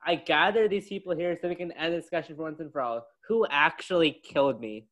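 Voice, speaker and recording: A man's voice: on the high side, a little fast, fairly bright tone, natural voice. A young man voicing the ghost of a dead male president, smug and boastful.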